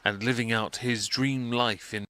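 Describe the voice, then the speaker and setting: A man's voice: mid-range voice, fairly even intonation, measured pace, sharp tone, clean tone. A man giving wry, wordy commentary as a political livestreamer.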